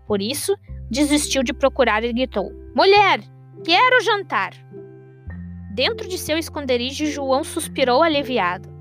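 A woman telling a fairy tale as a radio storyteller, reading in an expressive, measured way. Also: sits high.

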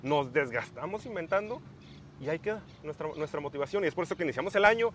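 Chatty man, slightly high voice. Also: lively intonation, quick pace, fairly bright tone, a little hiss or hum. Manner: thinks aloud with many restarts and fillers. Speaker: podcast host. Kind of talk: casual conversational podcast.

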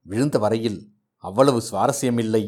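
A man's voice: lowish voice, moderate pace, a little mellow, lightly acted. A man voicing a grumbling half-deaf servant. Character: male servant cook, hard of hearing, plain-spoken.

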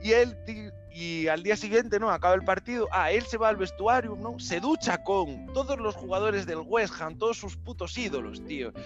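Man, high voice, animated podcast storyteller; dull lo-fi recording with faint music. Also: normal speed, few pauses. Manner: animated, slangy, with mouth sound effects. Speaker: podcast host. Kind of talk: casual storytelling.

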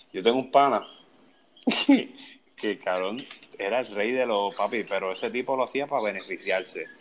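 A young man, co-hosting a podcast, telling an animated, profane story with lots of laughing. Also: lowish voice, a little hiss or hum. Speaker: podcast co-host. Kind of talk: casual chat.

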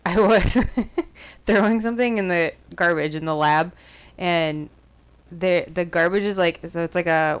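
A woman's voice: on the low side, clear, resonant tone. A young woman co-hosting a podcast, telling rambling, profane stories in casual chat and laughing often. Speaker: podcast co-host.

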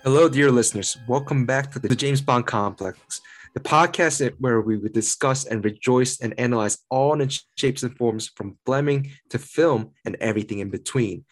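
Medium-pitched man co-hosting a podcast. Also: normal speed, faint music behind. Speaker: podcast co-host. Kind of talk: casual podcast talk.

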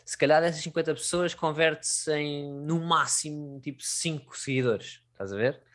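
A man's voice: on the high side, normal speed, fairly bright tone. A man chatting casually in a colloquial, slangy, sweary way. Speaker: stand-up comedian. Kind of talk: casual chat.

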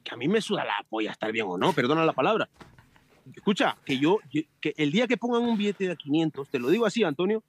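A man chatting as a podcast guest, telling animated stories, joking and swearing freely over a remote call. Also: a little high, quick pace, husky. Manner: animated storyteller, swears, jokes. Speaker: podcast guest, amateur cyclist. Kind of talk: casual chat.

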